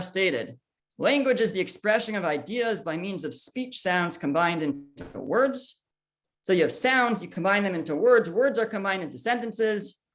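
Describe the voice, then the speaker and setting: A man's voice: high-pitched, a bit bright. Man teaching a class, asking questions. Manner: asks the listeners questions and answers them, with small restarts. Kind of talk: explanatory lecture.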